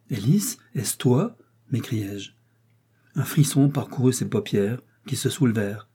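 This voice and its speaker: Dark-voiced man narrating a novel. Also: medium pitch, slightly rough. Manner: slow, measured, dramatic storytelling. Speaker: audiobook narrator.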